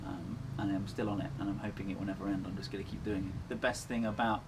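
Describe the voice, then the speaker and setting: With clear ambient noise behind him, a man who runs endurance races talks casually as a guest in an interview. He's a fast talker with a fairly low pitch and level tone, sounding reflective and earnest.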